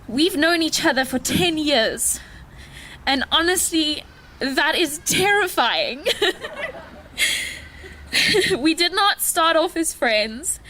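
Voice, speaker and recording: A high-voiced woman in her late teens delivers a farewell speech as a graduating student, her words slow and unhurried. She is tearful and keeps breaking into laughter mid-sentence, sentimental about her friends. Faint noise sits behind her. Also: pushed and bright. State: tearful, laughing through tears. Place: school hall with audience.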